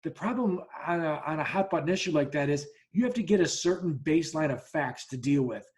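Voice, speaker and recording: A man's voice: fairly high pitch, animated, a little fast, a little mellow. A man hosting a casual podcast chat, telling a story bluntly with lots of restarts and acting out both sides of the dialogue, swearing freely. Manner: talks in repeated restarts and acts out both sides of quoted dialogue. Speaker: podcast host.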